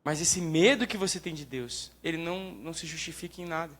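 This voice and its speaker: A young man with a Brazilian Portuguese accent giving a lively, joking sermon talk at church. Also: a little high, fairly quick. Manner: lively, jokes and acts out quoted prayers. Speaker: church speaker.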